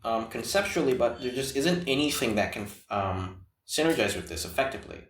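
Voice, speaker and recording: A man co-hosting a casual chat about game design, talking in an animated, rambling way. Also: a little fast, reverberant. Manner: animated, rambling, bouncy pitch. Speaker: podcast co-host.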